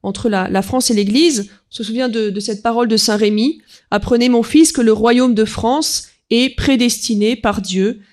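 Woman lecturer, unscripted talk, halting delivery with frequent filler words between points. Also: fairly high pitch, a little mellow. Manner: hesitant, peppered with "voilà" and "hein", reads quotes aloud.

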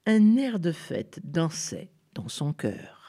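A woman reading a children's story aloud in a gentle, expressive way. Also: sits low, takes it slowly, breathy edge.

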